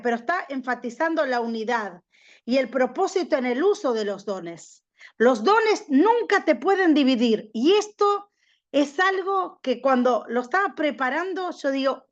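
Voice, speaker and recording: High-voiced woman, emphatic preaching teacher, dull lo-fi recording. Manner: emphatic, repeats key phrases for stress. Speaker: prophet teaching a training class. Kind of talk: preaching-style Bible class.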